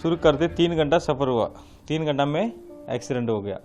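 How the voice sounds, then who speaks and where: A man telling a reporter his account in a halting way, repeating himself as he goes. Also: a little high. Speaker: rescue worker interviewee. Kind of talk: testimony to a reporter. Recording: interview with loud music underneath.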